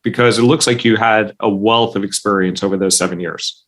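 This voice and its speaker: A man hosting a podcast interview, asking questions in a friendly, halting way with frequent restarts. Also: lowish voice, fairly even intonation, a bit bright. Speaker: podcast host. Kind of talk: casual interview conversation.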